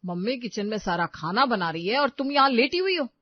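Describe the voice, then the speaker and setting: A woman's voice: on the high side, expressive, fairly quick, no echo. Casting: woman doing a curt, angry young cartoon husband, dry lo-fi sound. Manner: scolding, curt. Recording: dull dry lo-fi audio.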